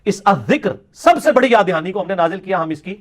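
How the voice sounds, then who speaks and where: In a high, expressive voice, a religious speaker lectures polemically, mocking his opponents. His manner is sarcastic, and he lapses into quips in Punjabi.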